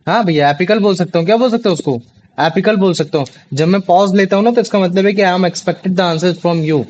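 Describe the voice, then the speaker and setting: A man's voice: sits high, brisk, darkish tone, a little hiss or hum. A young man tutoring a class over a video call, chatty and checking often that students follow. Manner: chatty, repeats checking questions. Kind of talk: online class teaching. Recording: dull lo-fi online call audio.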